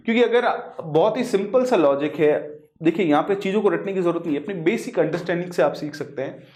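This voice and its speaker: A man's voice: sits high, fast talker, a little mellow. A man from western Rajasthan, teaching a lecture and explaining through examples and rhetorical questions, with English words mixed in. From western Rajasthan, India. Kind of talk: spoken lecture.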